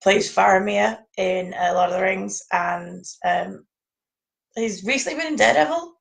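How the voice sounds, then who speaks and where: A woman co-hosting a casual chat, rambling and chatty with frequent laughs and a gravelly voice. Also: medium pitch, moderate pace. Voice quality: gravelly, creaky voice. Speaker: podcast co-host. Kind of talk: casual chat about fan conventions.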